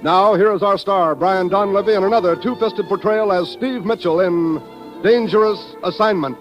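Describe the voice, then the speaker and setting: High-ish American male radio announcer over music. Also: moderate pace. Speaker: announcer and narrator. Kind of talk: 1940s radio announcing, scripted narration. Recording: 1940s radio recording, loud music behind.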